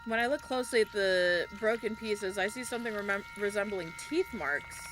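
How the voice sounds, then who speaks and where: A woman playing a game and commenting as she goes, reading game text aloud in an expressive, reactive way with casual swearing. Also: medium pitch, normal speed, over music. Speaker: game streamer. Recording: clearly noisy background.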